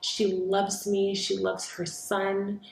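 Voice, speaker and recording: A woman's voice: mid-range voice, monotone, slow, gravelly. A woman telling a personal story in an earnest, heartfelt way, speaking openly about her faith. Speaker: vlogger sharing a personal story. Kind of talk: casual storytelling monologue. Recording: echoey room.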